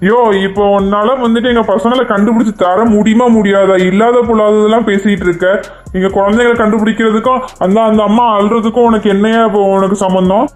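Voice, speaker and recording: Man as anxious, impatient cartoon father; high-pitched and demanding, with light music behind. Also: steady tone, fast, lightly acted. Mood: angry. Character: worried father of missing children, impatient.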